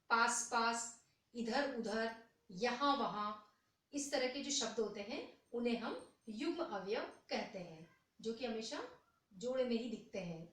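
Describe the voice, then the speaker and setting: A woman teaching a school lesson, slowly and deliberately, repeating each syllable for her students. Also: fairly high pitch. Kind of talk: slow classroom lesson with drills. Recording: echoey room from far off.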